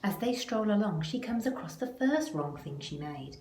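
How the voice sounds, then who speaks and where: A school staff member reads a picture book aloud to children in an animated, expressive way. Her medium-pitched voice is deliberate, with dramatic phrasing that stresses action words. The room is echoey, with faint background noise.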